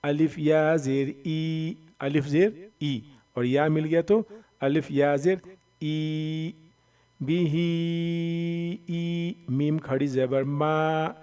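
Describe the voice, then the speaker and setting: A man teaching Quran reading, slowly sounding out letters and syllables, drawing out the long vowels, with a voice that cracks when he strains it. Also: a little high, steady tone, darkish tone, recorded from a distance. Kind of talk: Noorani Qaida recitation lesson.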